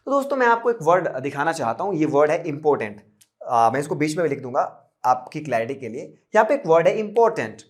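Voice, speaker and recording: A young man teaching English grammar in Hindi, casual and lively, asking questions and answering them himself. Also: on the high side. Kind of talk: casual Hindi classroom explanation.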